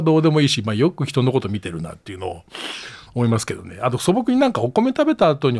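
A man's voice: medium pitch, gravelly, no room sound. A man with an Osaka accent hosting a casual solo podcast, reading listener stories aloud with chuckling, self-deprecating asides and plenty of fillers. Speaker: podcast host.

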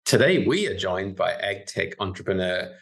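A man hosting a casual podcast interview, enthusiastic and easily excited. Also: sits low, moderate pace, vocal fry. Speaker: podcast host.

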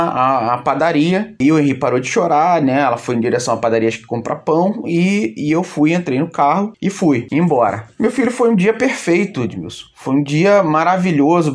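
A Brazilian man tells his story in an interview, hesitating and repeating himself often. His pitch sits in an ordinary middle range, and it climbs as his words grow more painful. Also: darkish tone. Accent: Brazilian Portuguese. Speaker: interviewee, grieving father. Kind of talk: emotional recounting in an interview.

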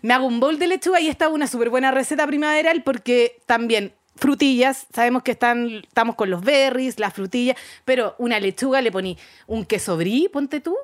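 A woman with a Chilean accent, co-hosting a casual chat, playful and quick to laugh. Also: on the high side. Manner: chatty, laughs easily, playful. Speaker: co-host.

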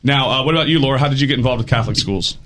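A man from Texas hosting a radio interview talk segment. He speaks quickly, with a mid-range pitch, and asks loose, friendly questions full of fillers. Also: a bit bright, a little hiss or hum. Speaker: radio host.

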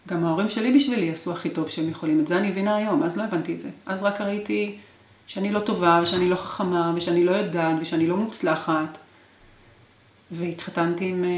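A woman's voice: lowish voice, a little mellow. A woman in her forties in an interview, recounting her marriage with emotional, repetitive intensity. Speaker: guest. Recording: roomy echo.

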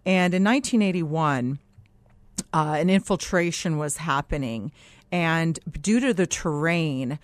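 In a radio studio, a middle-aged woman from Lebanon speaks into a close microphone as a guest and political candidate. Her low voice moves at a measured pace with no room sound, as she explains her views emphatically and earnestly, adding many asides.

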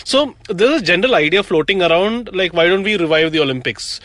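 A young man from South India chats through history on a podcast, joking and filling gaps with "uh" as he goes. His voice sits a bit high for a man. The recording is dry and close, with no room sound. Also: lively intonation, fairly quick, fairly bright tone, dry recording. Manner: chatty, jokey storyteller with frequent fillers. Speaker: podcast co-host. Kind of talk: casual chat.

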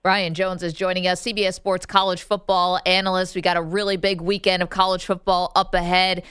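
A woman's voice: fairly low pitch, flat delivery, fairly quick, fairly bright tone, no room sound, studio quality. A woman co-hosting a sports radio show, introducing a guest in a conversational way. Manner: smooth, conversational, repeats "obviously".

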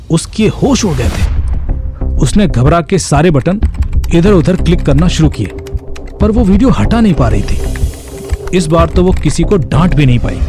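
Man narrating a suspense story. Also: a little high. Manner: dramatic, suspenseful.

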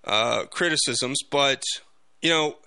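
A man hosting a political talk podcast, speaking off the cuff in a halting but emphatic monologue. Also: mid-range voice, creaky, sharp tone, smooth, no room sound.

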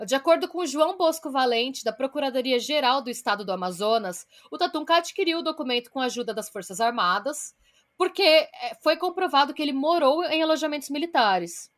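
Her voice sits high, slightly fast and fairly bright, with lively intonation. As a podcast co-host with a Brazilian Portuguese accent, this Brazilian woman casually and bluntly retells something from her research, swearing here and there.

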